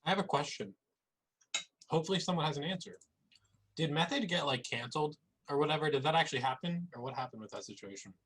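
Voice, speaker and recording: A man's voice: on the high side, animated, fast talker, fairly bright tone, breathy edge. A man in casual voice chat, asking the group a question and rephrasing it. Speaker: player in an online party game.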